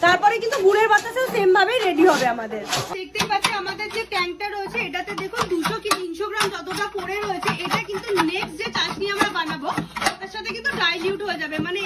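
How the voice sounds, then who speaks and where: A woman, representing a machine maker and giving an upbeat, persuasive promotional talk during a demonstration. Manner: upbeat, persuasive sales pitch.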